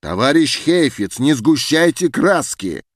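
A stern male official, put on by a male audiobook reader, speaks in a cold, deliberate, authoritative tone. His delivery is unhurried, on a close, dry recording. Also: a little high, sing-song, no room sound. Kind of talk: audiobook character voice.

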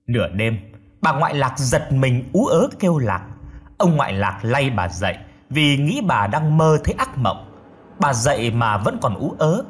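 Expressive male audiobook narrator. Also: medium pitch, husky. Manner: somber, expressive storytelling.

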